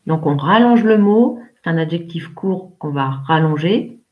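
A woman corrects English exercises in a live online lesson, warm with praise and naming each pupil as she goes. Her voice sits a little low. The stream sound is dull and lo-fi. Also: lively intonation, unhurried. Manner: encouraging, calls on pupils by name. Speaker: English teacher. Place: home, remote teaching.

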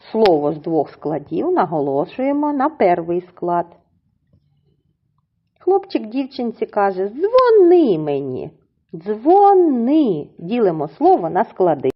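Husky-voiced woman teaching slowly. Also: on the low side, dull audio. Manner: sounds out words syllable by syllable. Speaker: primary school teacher. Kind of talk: slow, clearly articulated reading lesson.

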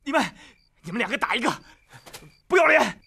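An actor playing a hot-headed young country lad, stubborn and proud, who shouts his defiance in a dubbed martial-arts film. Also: extremely high pitch, expressive, fairly quick, creaky, husky, exaggerated voice. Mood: defiant, furious. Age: young adult. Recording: film audio with loud score behind.

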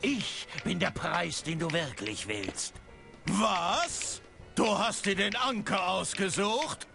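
An actor voicing a pompous, melodramatic, indignant evil talking skull in a cartoon adventure game. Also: male voice, high-pitched, expressive, slow pace, creaky, sharp tone, faint music behind, full character voice.

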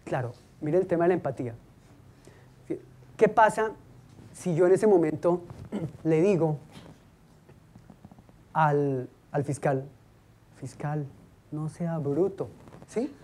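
A man's voice: fairly high pitch, takes it slowly, long pauses, a little hiss or hum. A middle-aged man, a law school dean, giving a lecture full of anecdotes and acting out the voices of the people in his stories. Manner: lively storyteller who acts out the voices in his anecdotes.

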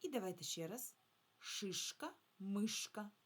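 A woman's voice: mid-range voice, lively intonation, a little slow, husky. A woman teaching a remote reading lesson to young children, patiently stretching out sounds and syllables. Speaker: primary school teacher.

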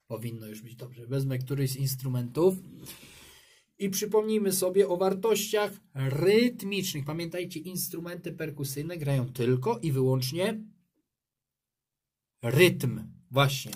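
A man's voice: on the high side, a little mellow, a little hiss or hum. A man teaching an online music lesson to young children, encouraging them and chanting rhythm syllables.

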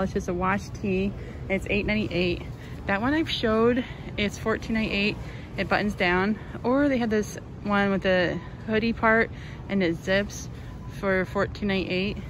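A woman vlogging as she walks a large store, chattily listing prices and getting excited over new finds. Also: mid-range voice, moderate pace, noisy background. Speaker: shopping vlogger. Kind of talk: casual shop-with-me narration. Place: large retail store, indoors.

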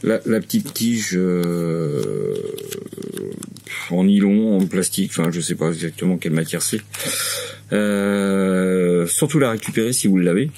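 In a large workshop with slight background noise, a man from France in his forties explains a repair one step at a time. His voice is low, dark and expressive, and he takes his time. The casual demo is hesitant, peppered with "euh" and false starts.

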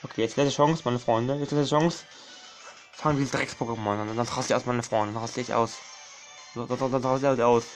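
A young gaming channel host casually commentates his gameplay, excitable, swearing and pleading with the game while calling his viewers friends. His voice is mid-range at normal speed, with faint music behind him.

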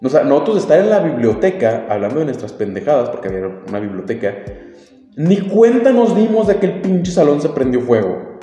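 A man's voice: on the high side, sing-song, a little fast, warm tone, dull audio. A man with a Mexican accent telling a story on his podcast in a casual, slangy, laid-back way, swearing freely. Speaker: podcast host. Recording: very echoey room, long reverb, faint music.

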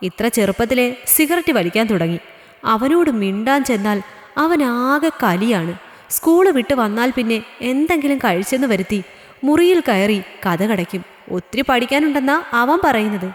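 Here is a woman playing a worn-out working mother, complaining and defensive, who talks in a slightly high voice. She protests and pleads in a storybook reading. The long reverb gives the voice an echoey ring. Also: sing-song, normal speed.

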